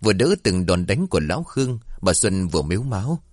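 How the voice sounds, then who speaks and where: Low-voiced man narrating a drama. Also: very animated, fast talker, no echo, studio quality. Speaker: storyteller. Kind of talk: scripted story narration.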